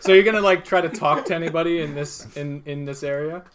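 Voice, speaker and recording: A man improvising narration as a tabletop game master in an informal, halting, filler-heavy way. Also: fairly high pitch, a crowd in the background.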